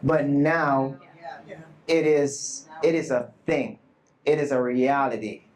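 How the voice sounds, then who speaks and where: This man has a mid-range voice and speaks slowly. He is presenting live at a summit to a room of educators, earnest and emphatic, with self-deprecating asides. He starts out quiet on the mic and is asked to speak louder.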